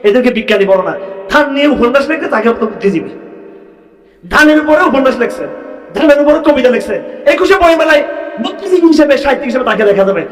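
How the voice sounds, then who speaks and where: High-voiced preacher man, echoing hall. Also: expressive, fast talker. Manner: rhetorical questions to the crowd, bursts of shouting. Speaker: Islamic preacher. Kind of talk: fiery Bengali sermon. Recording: echoey hall sound from far off.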